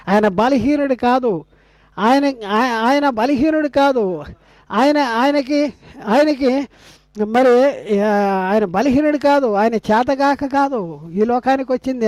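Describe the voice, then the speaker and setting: An older man from India teaching a Bible class as a sermon, firing rhetorical questions, repeating phrases and slowing down to quote scripture. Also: very high voice, darkish tone, dry recording. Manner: slows down when quoting scripture.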